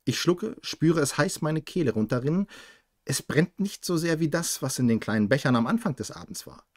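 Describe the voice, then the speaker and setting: A man's voice: a little high, expressive, normal speed, no room sound, studio quality. A man co-hosting a livestream, reading a novel aloud with small stumbles and self-corrections.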